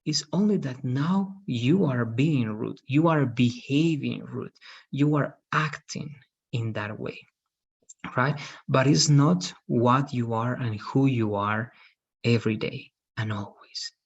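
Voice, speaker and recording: A man explains grammar slowly and patiently, checking in with "right?" again and again. His voice is gravelly and a bit husky. The sound comes through a dull, lo-fi video call mic. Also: mid-range voice. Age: 30s. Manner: slow, patient, tags sentences with "right?". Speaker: English teacher. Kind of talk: online class explanation. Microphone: video call webcam.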